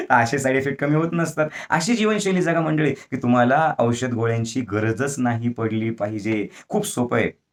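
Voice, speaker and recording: A man giving a motivational wellness talk, reciting verse slowly and rising to emphatic near-shouts for stress. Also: medium pitch. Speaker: spiritual wellness speaker.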